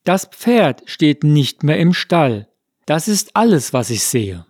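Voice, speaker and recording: A man voicing a wise old farmer in a storybook reading, speaking in a slow, measured and unruffled way. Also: on the high side, big pitch swings, a little mellow, slightly rough, no echo, studio quality, full character voice. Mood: calm.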